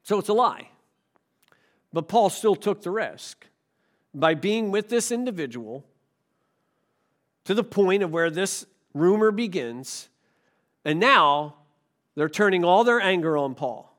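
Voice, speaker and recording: Man, pastor, preaching a sermon, slightly high voice, chatty, loud then soft. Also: animated, takes it slowly, long pauses. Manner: conversational preaching, asks the room questions; swings from loud emphasis to quiet.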